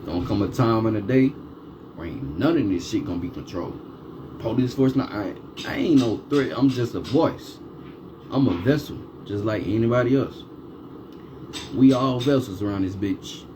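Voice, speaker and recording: A vlogger with a lowish voice delivers a ranting monologue at a moderate pace, swearing heavily and firing off repeated rhetorical questions. Steady background noise runs under the recording.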